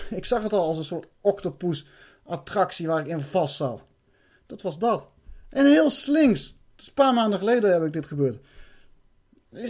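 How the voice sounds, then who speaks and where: A man's voice: high voice, darkish tone. A man recounting a personal spiritual experience in an intense way, swearing and restarting his sentences.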